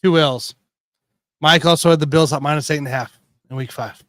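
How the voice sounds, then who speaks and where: A man hosting a casual sports betting show, rambling and correcting himself as he tells excitable stories. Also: a little high, a little fast, no room sound. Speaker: podcast host.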